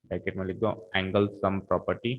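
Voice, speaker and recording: A man's voice: low-pitched, flat delivery, brisk. A middle-aged man teaching a maths lesson, talking students through each step and checking in with them often. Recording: tinny phone-like sound.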